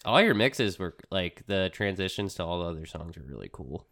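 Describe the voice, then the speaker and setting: A man co-hosting a casual podcast while sick, with a congested, stuffy nose and a croaky, froggy voice. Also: low voice, animated, brisk, a bit bright. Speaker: podcast co-host.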